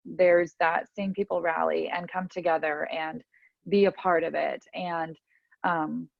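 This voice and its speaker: Speaking at a measured pace in a fairly low, creaky voice with a level tone, this podcast guest in her thirties candidly shares a personal story, chatting loosely with plenty of fillers. The recording is dry, echo-free, and slightly muffled.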